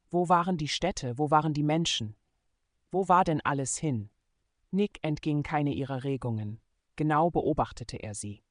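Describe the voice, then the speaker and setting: A man reading a German adventure novel aloud in steady, measured scripted narration. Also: on the high side, no echo, studio quality. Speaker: audiobook narrator.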